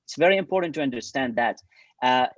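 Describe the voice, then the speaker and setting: A man's voice: medium pitch, animated, fast, dry recording, highs cut off. A man from Syria, explaining his bee research in an interview with many hesitations and restarts. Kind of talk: interview answers.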